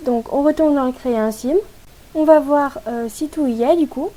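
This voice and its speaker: A woman with a high, mellow voice talks through a game tutorial in a relaxed voice-over style. She explains step by step in a chatty way, often hesitating mid-sentence. Her tone is soft and warm rather than bright. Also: moderate pace. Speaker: gaming tutorial host.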